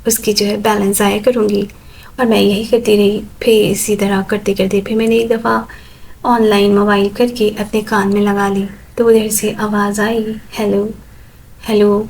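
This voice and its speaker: A woman's voice: mid-range voice, flat delivery, creaky, darkish tone, slight background noise, poor audio. Woman telling a first-person story. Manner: plain, conversational retelling.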